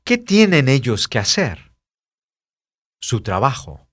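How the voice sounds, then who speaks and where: Guy saying lesson phrases really slow and clear, super sing-songy up and down. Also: medium pitch, huge pitch swings, fairly bright tone. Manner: slow, carefully enunciated model phrases. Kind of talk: scripted lesson drills.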